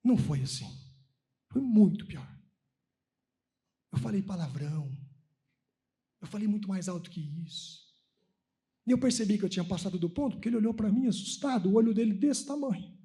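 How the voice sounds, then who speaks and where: A man's voice: sits high, brisk, long pauses. A man in his thirties from Brazil giving a spiritist lecture at a conference, telling personal stories and acting out the dialogue. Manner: animated storytelling, acting out dialogue. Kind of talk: sermon-like talk with personal stories. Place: lecture hall at a religious conference.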